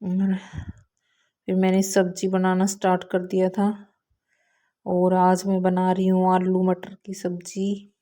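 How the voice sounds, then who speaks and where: Woman, mother, casual vlog narration, calm and even, mellow tone, very level pitch. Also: slow, pauses often. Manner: calm, even storytelling with many filler words. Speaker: mother vlogger.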